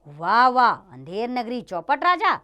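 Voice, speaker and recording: A woman's voice: a little high, lively intonation, measured pace, fairly bright tone, muffled recording. A woman voicing a greedy, cheerful young male disciple who exclaims with delight in a children's play reading.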